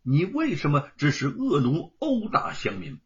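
A man voicing an upright young male scholar who speaks in a cool, measured, stern way. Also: fairly high pitch, very animated. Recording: dull lo-fi recording.

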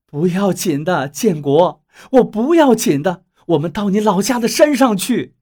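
A man's voice: high-pitched, very animated, measured pace, mellow, exaggerated voice. A man voicing a tearful, defiant young woman. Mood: pleading.

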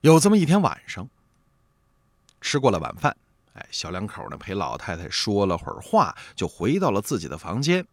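A man telling a traditional folk tale in a lively, animated storytelling manner with drawn-out interjections. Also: mid-range voice, dry recording, clean studio sound.

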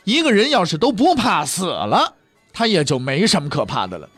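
A man's voice: high-pitched, big pitch swings, normal speed, fairly bright tone, dry recording, faint music behind. A male storyteller telling history in a humorous, chatty storytelling style, often asking the listener rhetorical questions. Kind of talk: comic pingshu storytelling.

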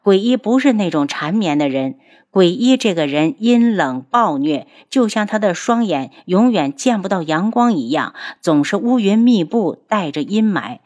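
A woman's voice: medium pitch, big pitch swings, normal speed, darkish tone. A woman narrating a novel audiobook expressively, acting out the characters.

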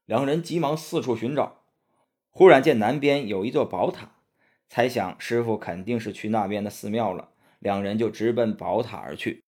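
A man narrating a children's story in an animated, expressive way. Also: lowish voice, moderate pace, slightly rough.

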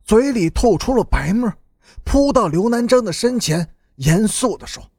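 A man narrating an audiobook with slow, dramatic storytelling. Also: sits high, animated, darkish tone, husky, no echo, studio quality.

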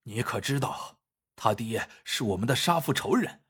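A male storyteller voicing a young village woman who speaks softly and pleadingly. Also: mid-range voice, lively intonation, moderate pace, husky.

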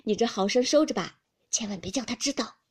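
A woman's voice: fairly high pitch, animated, a little fast, darkish tone, breathy edge. A woman doing a wheedling young nobleman. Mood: coaxing.

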